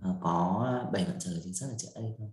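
A man's voice: low-pitched, racing, very noisy. Male pronunciation teacher, patient and step by step, echoey room. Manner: patient, explains step by step, checks with "right?". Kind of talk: online quiz review lesson. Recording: echoey room with faint music.

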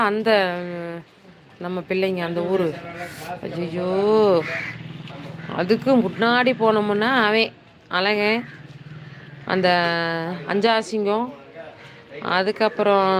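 A woman's voice: mid-range voice, poor audio. A middle-aged woman hosting a casual live stream, chatty and teasing, full of exclamations as she reads viewers' comments into her phone. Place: hill town in the Nilgiris.

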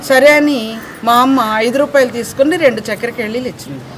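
A woman narrating a children's moral story in a lively, expressive way. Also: a little high, brisk, a little hiss or hum.

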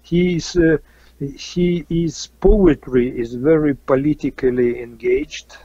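Halting man guest with a Russian accent, very slow delivery, dull dry recording. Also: on the high side, steady tone, dark tone, no echo. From Kazakhstan. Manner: halting, many fillers and restarts. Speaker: interview guest, musician. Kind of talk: casual interview answers.

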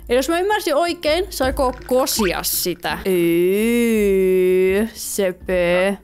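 A woman's voice: mid-range voice, animated, a little mellow, slight background noise. A young Finnish woman giving casual let's-play commentary, reading game text aloud and chatting to her viewers. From Finland. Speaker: gaming YouTuber. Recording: faint music behind voice.

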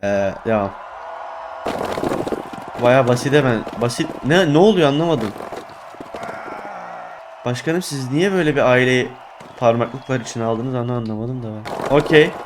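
A young man giving excitable let's play commentary, exclaiming and groaning at his failures. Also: mid-range voice, measured pace, long pauses, noisy background. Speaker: gaming YouTuber.

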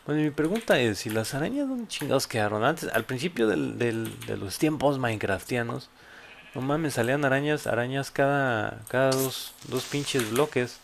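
A man with a Mexican accent giving casual, profane commentary as he plays a game, often bursting into loud yelps. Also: medium pitch, expressive, moderate pace, vocal fry, a little hiss or hum. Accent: Mexican Spanish. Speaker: gameplay YouTuber.

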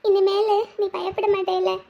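A woman's voice: extremely high pitch, flat delivery, a little slow, lo-fi sound. A woman voicing a tearful, insecure young wife who speaks in a plaintive, pleading way in an amateur audio drama.

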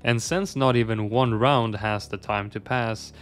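A man's voice: fairly low pitch, steady tone, measured pace. Opinionated man doing video game commentary. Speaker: video game content creator.

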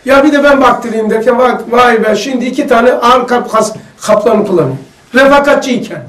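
High-voiced man leading a study circle. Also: normal speed, a bit bright. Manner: chatty, storytelling, asks the group questions. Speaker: religious study circle leader. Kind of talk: casual religious lesson with anecdotes. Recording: echoey room, mic far off.

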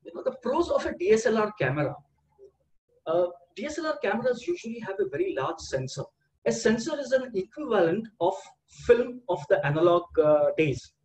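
A man's voice: sits high, very animated, a little fast, darkish tone, slight background noise, rough recording. An older man giving an online seminar presentation over a video call, with a headset mic and a hesitant manner full of "uh" and repeated words.

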